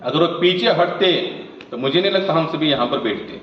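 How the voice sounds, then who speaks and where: A man delivers a devotional sermon in a slightly raised voice, picked up from a distance in a roomy, echoing hall. He keeps asking the congregation questions and pauses for them to finish his lines, over a dull recording with a faint hum. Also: on the high side, lively intonation. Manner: asks rhetorical questions and lets the congregation finish his phrases. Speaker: preacher.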